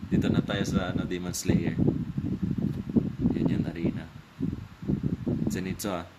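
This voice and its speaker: A man's voice: low-pitched, level tone, unhurried. A man hosting a casual card unboxing, chatty and joking, counting packs aloud. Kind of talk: casual chat. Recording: loud background noise.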